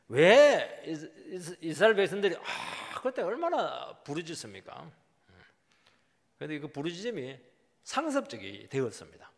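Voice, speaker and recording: A middle-aged man preaching a sermon as pastor, emphatic, his voice swinging from loud highs to quiet drops. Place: church sanctuary. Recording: long hall reverb.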